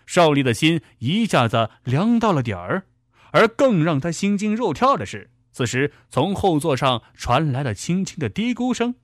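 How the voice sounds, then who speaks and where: A man's voice: fairly high pitch, very animated, normal speed, dry recording, studio quality. A man narrating a dramatic story in a vivid storytelling delivery.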